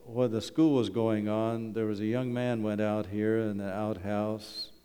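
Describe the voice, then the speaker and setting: Here a man of middle age or older, a Canadian who heads a wilderness school, delivers a light, conversational slide talk to a church congregation, often asking rhetorical questions. His voice is fairly low, level, mellow and clean, a touch slow, and the hall adds long, echoey reverb.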